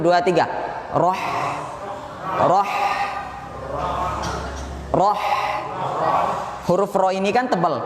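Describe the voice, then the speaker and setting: Male recitation teacher, high-pitched and unhurried, encouraging, recorded with a long reverb tail in a big mosque. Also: background noise. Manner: patient, encouraging, counts the group in. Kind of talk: classroom recitation drill. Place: large echoey mosque hall. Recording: echoey hall, faint room ambience.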